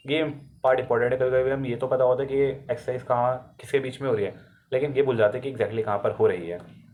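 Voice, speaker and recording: A man's voice: mid-range voice, steady tone, fast, darkish tone, slight background noise. A man with an Indian accent and a sore throat, explaining current affairs for exam students in a casual, chatty way, mixing Hindi with English and correcting himself as he goes.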